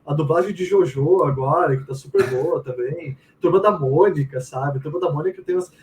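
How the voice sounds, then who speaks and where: This Brazilian-accented game writer, a guest in an interview, talks a little fast in a slightly high, slightly mellow voice. His chat is relaxed and slangy, packed with lively stories and quotes of what he was thinking. Faint room noise comes through a distant microphone.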